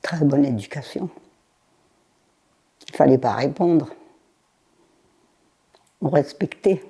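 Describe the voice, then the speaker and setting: Interviewee, woman in her nineties, low, mellow voice, halting, unhurried recollection. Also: slightly rough. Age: 90s. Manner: halting, with pauses, fillers and repeated words. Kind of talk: recalling her childhood in an interview.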